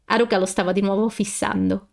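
A woman reading fan fiction aloud as an audiobook narrator, steady storytelling with occasional self-corrections. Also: mid-range voice, brisk, creaky.

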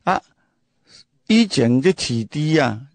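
This Hakka-raised host tells stories casually and emphatically, taking it slowly in a voice on the high side with big pitch swings. Rhetorical questions to the listener are frequent, as are repeated and restarted phrases, and there's no room sound.

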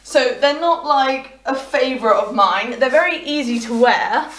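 Her voice sits high, a bit bright and a little slow as this young fashion vlogger runs through a casual try-on haul in her home hallway, enthusiastic and frequently trailing off mid-thought. The audio comes from a camera across the room, with hallway echo and faint hiss.

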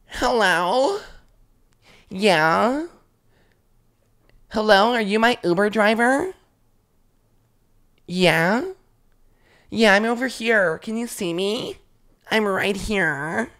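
A woman's voice: medium pitch, drawn-out words, long pauses, a bit bright. A woman voicing a whiny, bored young woman who is always complaining, drawling and sarcastic, as a comedy podcast impression. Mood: whining.

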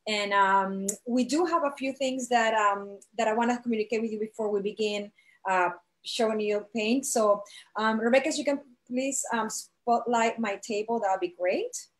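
A middle-aged woman with a voice on the high side gives a live instructional demonstration as an art teacher. She explains in measured, halting phrases and checks in with her listeners.

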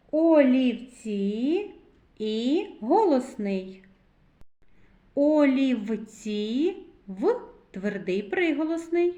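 A woman teaching a recorded literacy lesson to preschoolers, speaking slowly and clearly and drawing out words syllable by syllable. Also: high-pitched, mellow, reverberant, muffled recording. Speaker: kindergarten teacher.

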